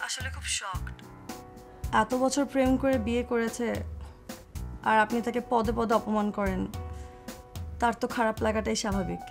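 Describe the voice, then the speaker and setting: A woman playing a concerned colleague, polite, fairly high voice, faint music. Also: steady tone, moderate pace, pauses often, natural voice. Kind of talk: TV drama acting.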